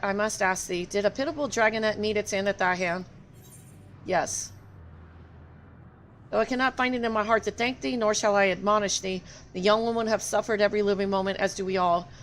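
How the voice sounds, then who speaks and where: A woman's voice: mid-range voice, steady tone, fairly quick, a little hiss or hum, natural voice. A woman reading aloud a game's solemn, grieving dragon in formal, archaic phrasing. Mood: solemn, reproachful. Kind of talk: reading game dialogue aloud.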